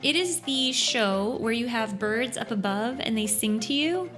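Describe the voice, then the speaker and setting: A woman's voice: fairly high pitch, animated, unhurried, a bit bright, faint music behind. A woman co-hosting a podcast in casual chat, explaining at length with many fillers and restarts. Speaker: podcast co-host.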